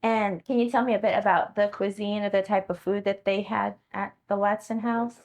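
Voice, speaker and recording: A woman's voice: mid-range voice, steady tone, moderate pace, darkish tone. A woman conducting an oral history interview, asking prepared questions.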